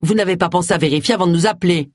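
A woman's voice: fairly low pitch, very fast, no room sound, clean studio sound, close to an everyday voice. A woman reading aloud voices a stern police officer lecturing in an officious, scolding way.

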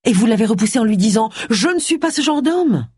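A woman reading a storybook who voices a brash, sharp-tongued woman detective with brisk, cutting lines, pitched above her own voice. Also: lively intonation, slightly rough, no echo, clean studio sound.

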